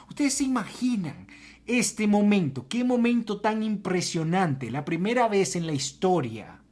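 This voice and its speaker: Brief: husky, fairly high-voiced male preacher, dramatic, drops to near-whispers. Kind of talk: sermon.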